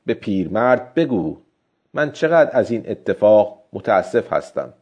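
A man's voice: lowish voice, big pitch swings, lo-fi sound. A man reading a storybook voicing a kindly middle-aged café owner who speaks plainly and with sympathy. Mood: sympathetic.

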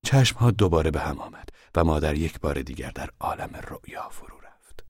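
A man narrating a novel in a calm, measured way, often sinking to a hush. His voice is very low. The recording is dry and close. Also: no room sound, in a whisper. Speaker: audiobook narrator.

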